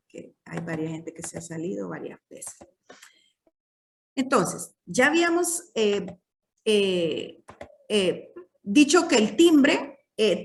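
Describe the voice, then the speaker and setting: A woman's voice: mid-range voice, vocal fry, recorded from a distance, slight background noise. A woman teaching a literature class, explaining patiently and checking in with her students often.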